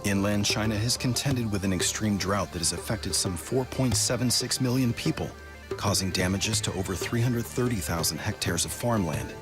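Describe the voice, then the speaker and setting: Brief: low male narrator, measured news read, heavy music underneath. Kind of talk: scripted narration. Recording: loud music bed behind voice.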